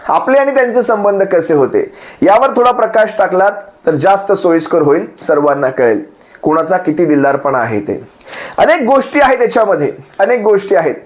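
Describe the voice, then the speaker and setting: A man's voice: sits high, very animated, normal speed. A man speaking as a party spokesperson, attacking a rival with rhetorical questions and repeated phrases. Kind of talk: political speech addressing opponents.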